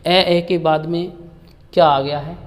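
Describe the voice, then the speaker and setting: A man's voice: on the high side, fairly even intonation, measured pace, in a large hall. Hindi grammar teacher quizzing his class. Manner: asks questions and answers them himself, repeats "ठीक है" often. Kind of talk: online exam-prep class.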